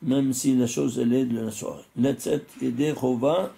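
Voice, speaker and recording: A rabbi giving a religious lesson, animated, quizzing his listeners with rhetorical questions and often restarting and repeating words. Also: mid-range voice, moderate pace, vocal fry.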